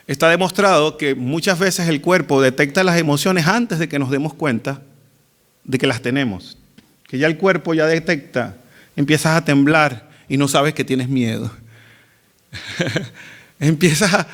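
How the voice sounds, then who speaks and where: A man preaching a sermon in church, acting out quoted lines with dramatic cries and hushed asides. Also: on the high side.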